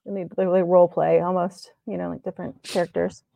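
A woman's voice: fairly low pitch, little pitch movement, fast, creaky, dark tone, no room sound, studio quality. A woman co-hosting a podcast, chatting casually and laughing often as she rambles through her ideas. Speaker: podcast co-host. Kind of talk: casual chat.

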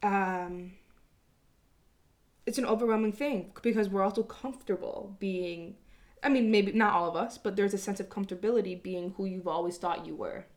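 A woman's voice: medium pitch, moderate pace. A woman talking to her viewers in a reflective personal monologue, earnest and rambling, with casual swearing. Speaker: vlogger.

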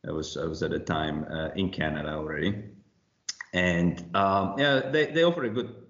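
Deep-voiced Slovak-born man in his forties. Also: normal speed, fairly bright tone. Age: 40s. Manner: hesitant, many fillers and restarts. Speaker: compliance consultant, guest. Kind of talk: casual interview talk. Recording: muffled, roomy remote audio.

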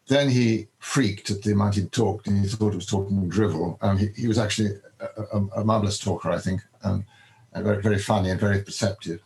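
An older man with a low, gravelly voice answers interview questions about his work as a biographer. He speaks haltingly, with many ums, false starts and repeated words. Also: a little mellow, rough recording. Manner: hesitant, many ums and restarts.

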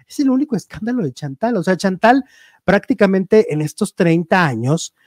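A man with a slightly higher voice hosts a casual entertainment chat. He gossips with animation and acts out quotes playfully. The sound is dry and close. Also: big pitch swings, normal speed, darkish tone, no echo. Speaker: show host.

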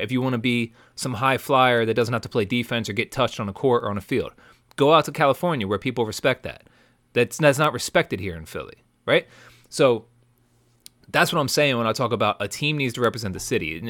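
A man's voice: mid-range voice, no echo. Guy ranting about sports teams on his podcast, emphatic, keeps saying right?, dry close sound. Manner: animated, emphatic, rhetorical questions and frequent "right?". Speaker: podcast host. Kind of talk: opinionated sports talk monologue.

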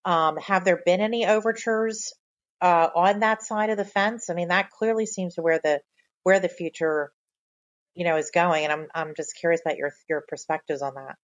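A woman hosting an interview podcast, speaking conversationally in measured, careful short phrases. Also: lowish voice, fairly even intonation.

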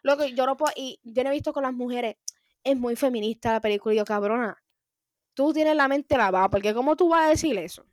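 A woman's voice: on the high side, quick pace, no room sound, studio quality. A Puerto Rican woman in her twenties in casual, slangy Spanglish chat, switching between Spanish and English and swearing freely. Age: 20s.

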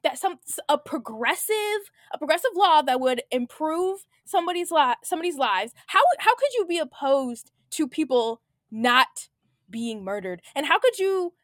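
A woman co-hosts a casual podcast, her voice high and very lively in pitch. The recording is dry and close. She is agreeable and often chimes in with short affirmations. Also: normal speed, no room sound. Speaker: podcast co-host.

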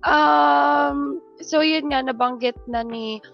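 A Filipino woman with a fairly high, creaky voice presents a podcast. The audio is slightly dull and lo-fi, with some music. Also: slow. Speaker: podcast host. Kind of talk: scripted podcast hosting and interview questions.

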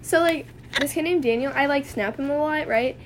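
A young woman with a slightly high voice chats casually, reading out text messages in an animated, giggly way. Faint room noise sits under her voice. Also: brisk. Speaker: podcast co-host. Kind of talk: casual chat.

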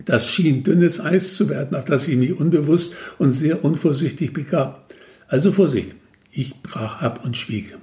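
A man's voice: a little high, moderate pace, a little mellow. A man narrating a first-person story in a wry, conversational way. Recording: roomy echo.

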